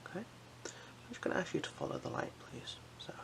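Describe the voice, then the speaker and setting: An ASMR artist takes on the role of an eye examiner, offering calm, reassuring directions at an unhurried pace through a mix of breathy whispering and soft talking. The mid-range voice has lively intonation.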